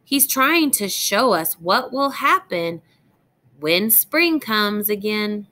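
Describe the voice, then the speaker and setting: In a sing-song, sharp-toned, mid-range voice, a woman reads a picture book aloud to young children. She reads like a teacher, speaking to them directly with deliberate phrasing.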